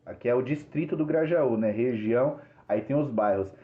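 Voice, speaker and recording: A man's voice: medium pitch, moderate pace. A man with a São Paulo accent chatting on a podcast, slangy and emphatic, recorded in a roomy space with a muffled sound. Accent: São Paulo Portuguese. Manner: slangy and emphatic, laughs along. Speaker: podcast co-host, actor. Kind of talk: casual chat.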